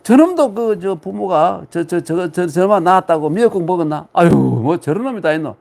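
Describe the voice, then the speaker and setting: A man's voice: sits high, lively intonation, brisk, vocal fry, darkish tone, voice pushed up. A man voicing an exasperated old male teacher who grumbles and stammers in disbelief during a lecture. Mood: grumbling. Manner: scolding, incredulous, stammering. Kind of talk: lecture role-play.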